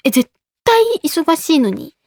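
A young woman hosting a casual radio show, giggly and excitable as she reads listener emails. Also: sits high, unhurried, no room sound. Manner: giggly, excitable, playful self-mockery. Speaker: radio host.

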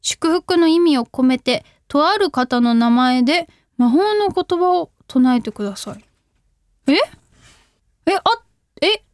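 A young woman hosting a radio show, reading listener letters in casual chat, bubbly and giggly, sometimes shouting catchphrases. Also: high voice, dry recording.

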